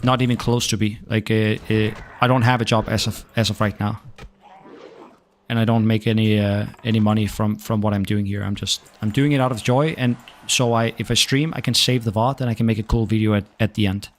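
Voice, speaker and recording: Speaking fairly quickly with a steady tone and a fairly low pitch, a young Danish man chats with viewers during a game stream. His accent is Danish, his manner laid-back, and he swears casually from time to time.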